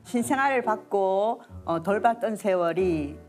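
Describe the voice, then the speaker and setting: A woman's voice: mid-range voice, lively intonation, a little slow, darkish tone, faint music behind. A middle-aged woman talking about her own life as a guest in an interview. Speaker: interview guest, maternity nurse. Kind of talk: personal interview talk.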